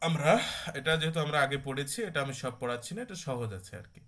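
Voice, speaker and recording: Teaching Quran recitation online, a man speaks at a medium pitch with a fairly bright tone. His talk is conversational and full of self-corrections and mid-phrase restarts; he frequently makes sure students keep up and draws out his example recitations slowly.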